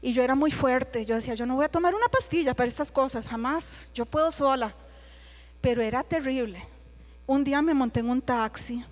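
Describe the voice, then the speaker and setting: A middle-aged woman giving an emotional personal conversion testimony, acting out the voices in her story. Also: a little high. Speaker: testimony speaker. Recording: long hall reverb.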